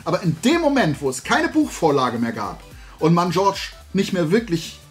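In a small indoor room full of toy shelves, a man who hosts a YouTube toy collecting channel rambles to camera with animated, emphatic, colloquial opinions. His voice sits high at a moderate pace, and faint music runs behind it.

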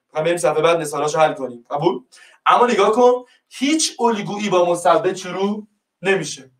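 A man's voice: high-pitched, reverberant, far from the mic. A man teaching a class, coaxing his pupils and repeating each prompt until they answer. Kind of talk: online class lesson.

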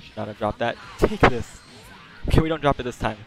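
A man with a gravelly, creaky voice, calling out his own fighting-game match live into a headset. He gets hyped fast, laughs a lot and swears freely, with game music playing underneath. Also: mid-range voice. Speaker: streamer. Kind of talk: live gameplay commentary.

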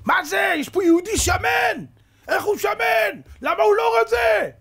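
A man voicing a cruel German officer, shouting furious, barking orders. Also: very high voice, animated, pitched above the performer's own voice, exaggerated voice. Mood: enraged.

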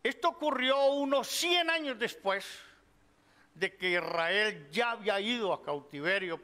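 A middle-aged man preaching a sermon, teaching from the Bible in a measured way and addressing the listeners as brothers. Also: high-pitched, bright, forceful tone. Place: church hall. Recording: long hall reverb.

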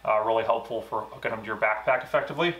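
A man's voice: fairly low pitch, very fast, fairly bright tone, dull audio, a little hiss or hum. A man in his thirties, a mountain guide, casually explaining his gear with frequent fillers. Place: indoor garage gear room. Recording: echoey room.

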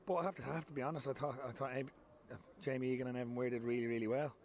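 Irish man in his forties, football manager, rapid and candid, stop-start phrasing, recorded pitchside at night. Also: fairly even intonation, a little hiss or hum. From Ireland. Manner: frank, repeats himself, many restarts. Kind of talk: post-match interview. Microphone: handheld mic held close.

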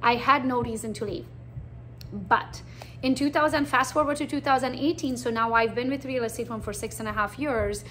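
This rough recording, with slight background noise, captures a woman in her forties from Transylvania, Romania, speaking with a Hungarian accent at normal speed in a voice on the high side. She describes her realtor career bluntly and chattily, storytelling with animation, as part of a recruiting presentation.

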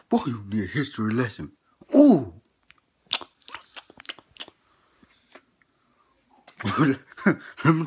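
Skit casting: a boastful old grandpa played by a man, folksy slangy drawl, chuckling, middle pitch. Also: background noise. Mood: teasing. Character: boastful old grandpa telling tall tales. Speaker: comedy skit performer. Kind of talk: comedic character monologue.

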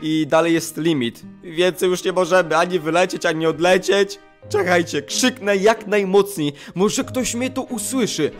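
A man's voice: high voice, normal speed, soft background music. A man giving theatrical game commentary, self-pitying and talking straight to his viewers. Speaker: gaming video creator.

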